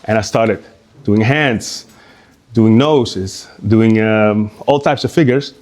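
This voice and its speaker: A man from Curaçao giving an informal live talk as a guest speaker at an art exhibition. He speaks in a halting, conversational way and often restarts his sentences. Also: lowish voice, a little mellow.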